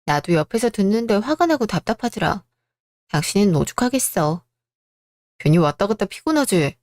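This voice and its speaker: A caring wife who speaks softly and soothingly to her husband, voiced by a woman. Her tone stays calm and kind. It is a close, dry radio-drama read. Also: medium pitch, moderate pace, no echo, lightly acted. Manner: soft, soothing. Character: gentle supportive wife, caring.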